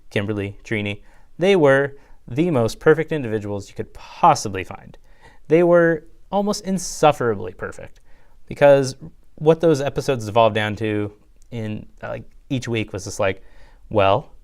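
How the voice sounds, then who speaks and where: A young man giving a casual solo review, rambling with lots of fillers and jumping up in pitch when he gets excited. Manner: chatty, rambling, lots of fillers like "you know" and "like". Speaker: YouTube reviewer.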